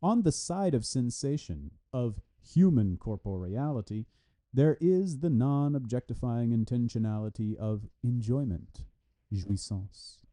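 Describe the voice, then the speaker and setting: This is a man with a dark, medium-pitched voice giving a formal, scripted reading of a translated academic philosophy review. Punctuation and citations are spoken as part of the text.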